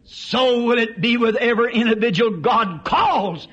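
A man preaching a fiery revival sermon, impassioned and breaking into shouts. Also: very high-pitched, measured pace. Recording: dull lo-fi archive recording.

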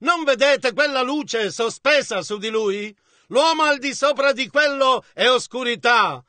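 Very high, bright-voiced male dub narrator. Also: unhurried, no room sound. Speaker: interpreter voice-over. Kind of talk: Italian dubbing of a sermon.

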